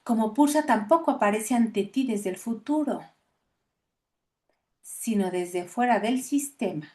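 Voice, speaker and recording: A woman reading the lines of a serene male spiritual teacher, explaining gently and patiently. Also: fairly high pitch, expressive, unhurried.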